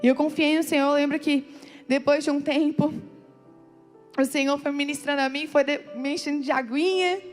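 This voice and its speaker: A woman's voice: high-pitched, steady tone, normal speed. A woman preaching a heartfelt sermon at a church women's meeting, intense and pleading, stretching out her phrases. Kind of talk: emotional sermon. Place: church hall. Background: soft instrumental music.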